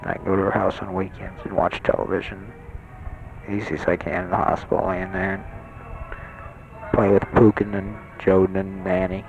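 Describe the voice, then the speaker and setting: Man murmuring low into a tape recorder. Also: flat delivery, normal speed, gravelly. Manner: hushed, rambling, many fillers. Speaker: patient sending an audio letter home. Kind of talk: personal taped audio letter. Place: bed in a hospital ward. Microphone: portable tape recorder mic held close. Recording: dull lo-fi home tape recording. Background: other patients talking in the ward.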